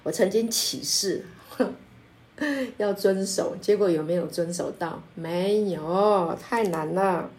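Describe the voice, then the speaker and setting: A woman pastor teaching a Bible study, emphatic and lively, with frequent filler sounds and light laughs. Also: mid-range voice, slow. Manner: laughs often while explaining.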